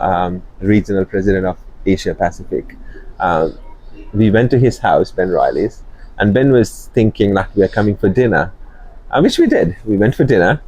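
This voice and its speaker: Earnest man from Sri Lanka, low voice. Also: dry recording, rough recording. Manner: warm, earnest, many fillers. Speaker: guest, company executive. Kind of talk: interview conversation.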